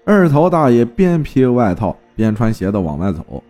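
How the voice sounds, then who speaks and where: Expressive male storyteller, mellow tone. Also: medium pitch, normal speed, faint music behind. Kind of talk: spoken folk ghost story narration.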